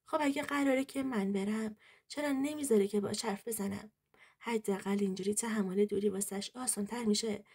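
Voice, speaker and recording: A woman's voice: medium pitch, fairly even intonation, darkish tone, slightly rough. A woman narrating a true story in the first person, telling it in an earnest, emotional way.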